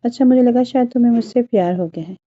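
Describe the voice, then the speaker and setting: A woman's voice: a little high, quick pace, highs cut off, natural voice. A woman voicing a good-humoured young husband who teases his wife with dry humour. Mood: teasing.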